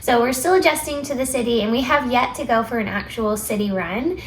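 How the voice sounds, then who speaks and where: A woman's voice: a little high, a little fast, slight background noise, poor audio. A woman hosting a vlog, talking in a casual, conversational style. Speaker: vlog host. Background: music.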